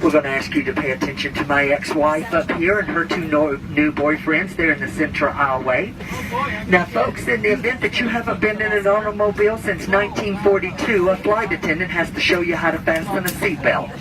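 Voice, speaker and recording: A man's voice: sits high, a little fast. A man working as a flight attendant, giving a comedic, campy safety announcement with theatrical patter over an airplane cabin PA. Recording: noisy aircraft cabin PA, distant from mic. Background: aircraft cabin noise.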